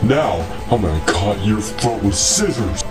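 A man playing a taunting, vengeful villain who makes slow threats in a homemade comedy video, with loud music behind him. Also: fairly low pitch, lively intonation, voice pushed down. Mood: menacing, taunting. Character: menacing vengeful male villain tormenting the vlogger.

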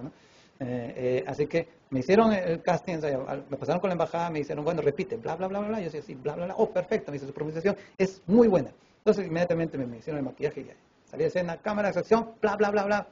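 Fast-talking Peruvian man telling a story. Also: on the high side. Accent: Peruvian Spanish. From Peru. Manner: animated storyteller who acts out dialogue voices, with many fillers. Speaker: preacher. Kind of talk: sermon testimony, storytelling. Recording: dull lo-fi recording with faint room noise.

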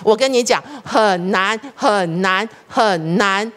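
A woman's voice: medium pitch, slow. A middle-aged woman preacher, delivering a sermon and asking the congregation questions. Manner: animated, rhetorical questions to the congregation.

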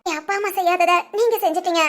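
Woman doing a young wronged bride, super high voice, rushes her words, earnest and emotional. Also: fairly bright tone. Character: young woman hurt by her parents, now resolute. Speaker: storyteller. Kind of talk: acted short story.

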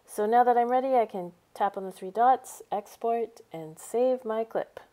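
A woman's voice: on the high side, moderate pace, mellow. A woman teacher narrating a screencast tutorial, explaining each step in an upbeat way. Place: voice-over over a screen recording.

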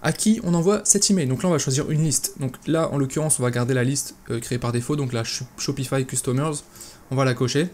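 A man calmly talking through a software tutorial step by step, with lots of fillers and restarts. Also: medium pitch, fast. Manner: relaxed, explains step by step with many fillers and restarts. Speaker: e-commerce tutorial host. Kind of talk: casual screen-recorded software tutorial.

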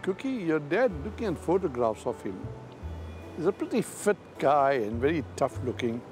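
A man's voice: on the high side, very animated, moderate pace. An older man in casual conversation outdoors. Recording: loud music over outdoor talk.

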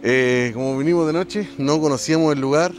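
A Chilean man talking casually and haltingly on an outdoor night exploration vlog. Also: on the high side, faint music behind. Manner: halting, searching for words. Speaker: paranormal exploration vlogger.

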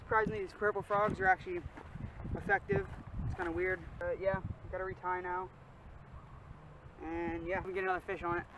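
Out by a pond, a teenage boy offers offhand, slang-filled fishing vlog commentary recorded on a camera mic. His high-pitched voice is brisk and lively in intonation, broken by long pauses, with heavy background noise.

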